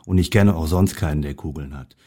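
A man voicing a grumpy pike in a storybook reading, with a low, dark voice. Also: a little fast.

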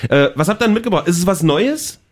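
A man's voice: sits high, animated, quick pace. A male radio host in a studio, talking casually with a band. He teases and jokes, laughs a lot, and speaks in a slightly raised register. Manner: teasing, playful, laughs often.

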